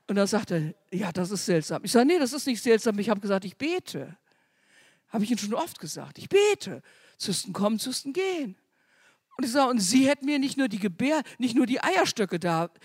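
A woman's voice: fairly high pitch, slightly rough, no room sound, clean studio sound. Fervent older woman preaching. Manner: fervent, rising to loud declarations; chatty storytelling with quoted dialogue. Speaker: preacher giving testimony. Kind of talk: sermon with personal testimony.

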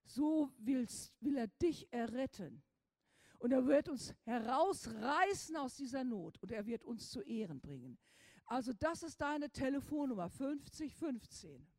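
Casting: middle-aged woman preacher, fairly high voice, fervent, with a long hall echo. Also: sing-song, unhurried. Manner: fervent, shifts from quiet confiding to loud commanding. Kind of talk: sermon.

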